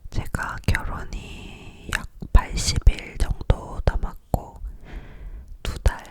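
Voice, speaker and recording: Leaning in close to the mic, a young ASMR video creator whispers a breathy, unvoiced chat about her life. She slowly repeats words as soft trigger sounds.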